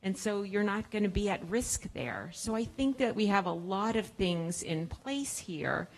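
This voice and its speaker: A woman's voice: medium pitch, animated, a little slow. A middle-aged woman, a public health expert, answers audience questions at a science cafe, explaining plainly with thoughtful fillers into a handheld mic in a large museum hall. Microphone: handheld microphone.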